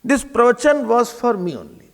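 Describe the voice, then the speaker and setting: Sing-song and gravelly, a very high male voice at normal speed carries this spiritual discourse. The man speaks with an Indian accent, stays emphatic and repetitive, asks rhetorical questions, and mixes in Hindi phrases.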